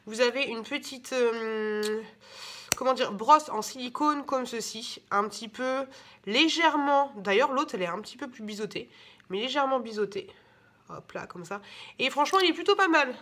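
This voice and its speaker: Expressive and fairly high-pitched, with a fairly bright tone and normal speed, a young woman presents her shopping haul at home. She has a cold that leaves her stuffy, and her casual chatter is full of fillers and restarts.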